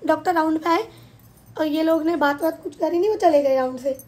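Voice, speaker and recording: High-voiced woman telling a family story. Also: a little fast. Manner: animated, retells events with quoted dialogue. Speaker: family vlogger. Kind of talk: casual storytelling vlog. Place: home kitchen.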